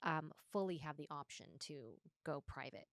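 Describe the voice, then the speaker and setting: A woman co-hosting a podcast in casual chat, agreeable and quick to affirm. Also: sits low, animated, dry recording, clean studio sound. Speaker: podcast co-host.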